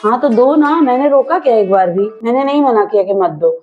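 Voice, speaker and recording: A woman with a fairly high voice argues sulkily and sarcastically as a wife in a scripted family comedy skit. The recording is dull and lo-fi, like home video. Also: brisk, faint music behind. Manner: sulky, sarcastic arguing.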